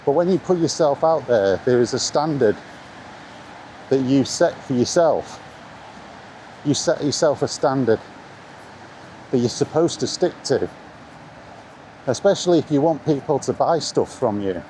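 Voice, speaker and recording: A middle-aged man vlogs about retro games while walking in the rain, giving a casual, blunt monologue and repeating points for emphasis. He has a medium-pitched, warm voice with lively intonation and a measured pace, pausing often. The outdoor recording is noisy with ambient sound.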